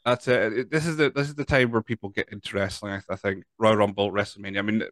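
A man's voice: on the low side, fairly even intonation, fast talker, a bit bright, no echo. A Scottish man in his thirties hosting a podcast interview over a video call, chatty and stumbling over repeated words. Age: 30s. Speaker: podcast host. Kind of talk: casual interview chat. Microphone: large studio mic with headphones.

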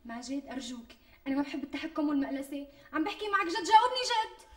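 A woman's voice: sits high, racing. An actress playing a greedy young wife with a Damascene Syrian accent, coaxing and guilt-tripping her fiancé in a TV sitcom. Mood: indignant. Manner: wheedling, guilt-tripping, indignant bursts. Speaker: scheming bride-to-be. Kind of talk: TV sitcom acting. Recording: distant mic with faint music.

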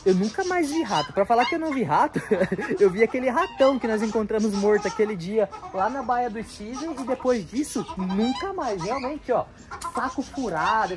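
A man's voice: extremely high pitch, lively intonation, normal speed, music in the background. A man hosting a casual vlog as he tours his bird enclosures outdoors, chatting to viewers and cooing at the birds in baby talk. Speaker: bird keeper and vlog host.

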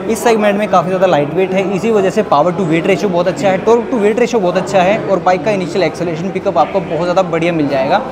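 A man's voice: high voice, racing, hardly any pauses. A man with an Indian accent giving a chatty walkaround review of a motorcycle, casually dropping "yaar" as he goes. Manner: chatty, peppers talk with "yaar". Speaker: motovlogger. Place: outdoors in a busy urban spot. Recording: noisy outdoor crowd background. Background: crowd and street bustle.

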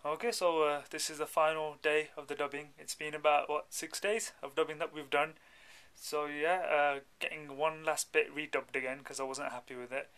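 A man's voice: a little high, level tone, normal speed, a bit bright, clean tone. A young man with a British accent keeping a casual video diary in an informal, matey, slangy way. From England. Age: young adult. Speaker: film actor, vlogger. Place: dubbing studio rooms and inside a parked car. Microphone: handheld camera at arm's length.

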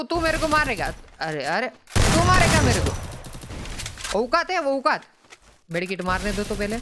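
A man's voice: high voice, background noise. A young man giving playful, trash-talking commentary over his mobile gameplay. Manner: playful trash-talk at opponents. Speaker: gaming YouTuber. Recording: loud game sounds behind the voice.

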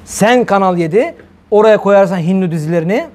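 Guy preaching all fired up, really high voice, keeps asking the crowd questions. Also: a little fast, a little mellow. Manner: rhetorical questions, heated and indignant. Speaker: religious preacher. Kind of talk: fiery religious talk to viewers.

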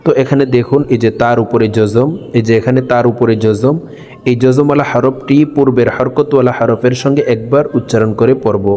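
A man teaching Quran reading, spelling out letter sounds in slow, drawn-out drills and addressing his viewers directly. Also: medium pitch, mellow, long reverb tail. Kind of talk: spelling and recitation lesson.

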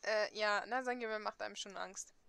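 A woman's voice: mid-range voice, fairly even intonation, normal speed, creaky, fairly bright tone, clear, resonant tone, no room sound. A young woman commenting casually on a game she plays, giggly and hesitant, from a desk microphone at home. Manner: giggly, hesitant, many fillers. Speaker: let's player.

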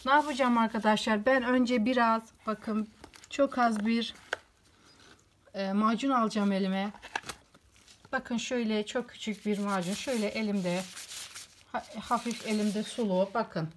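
Woman showing how she cleans her rug, kinda high voice, chatty, phone mic, bit of hiss. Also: steady tone, measured pace, long pauses. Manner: chatty, repeatedly addresses viewers as friends. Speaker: home cleaning vlogger. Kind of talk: casual how-to demonstration. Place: at home by a rug.

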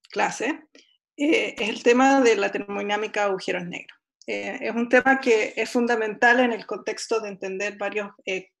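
A young woman with a Chilean Spanish accent gives an online physics lecture over a video call from a room at home. Her voice is on the high side with vocal fry, and she's chatty and self-deprecating, with lots of fillers and restarts. The audio comes through a laptop webcam.

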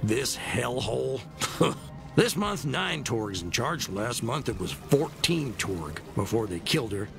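Gruff, gravelly old alien fisherman. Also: mid-range voice, very animated, a little slow, over music. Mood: wry, weary. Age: older. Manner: gruff, rambling, secretive, world-weary.

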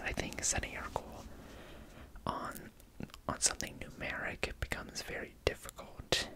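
A young man gives a casual ASMR ramble in a fast whisper, jumping along loosely, close to a desktop microphone. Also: low-quality recording. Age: young adult. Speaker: ASMR creator. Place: small home room indoors. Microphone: desktop condenser microphone, close up.

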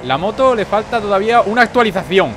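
A young man with a Spain Spanish accent doing joking gameplay commentary, animated, with sudden loud outbursts. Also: sits high, fast talker, background noise. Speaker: gaming video creator.

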